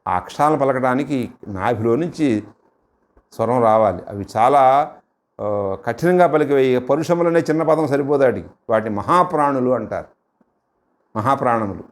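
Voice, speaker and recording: A middle-aged man teaching a grammar lesson with a Telugu accent, sounding out syllables slowly and stretching each one. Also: medium pitch, animated.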